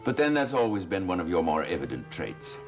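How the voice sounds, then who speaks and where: A man with a deep, very animated voice speaks a little fast as an actor playing a suave, cruel stepfather in a 1970s TV soap opera. His delivery is sardonic and mocking, with a music score behind him.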